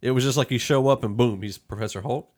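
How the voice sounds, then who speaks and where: Speaking quickly in a mid-range, slightly mellow voice, this male podcast host meanders through a relaxed movie review.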